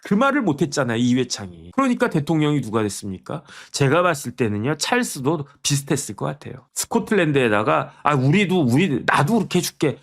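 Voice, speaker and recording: A middle-aged man from Chungcheong, a lawyer giving casual commentary as he tells a history story, acting out the quoted voices. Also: on the high side.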